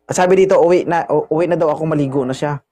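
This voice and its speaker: A man's voice: on the high side, racing, mellow, slight background noise. A man hosting a casual livestream, teasing his partner and thanking gifters by name. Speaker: livestream host.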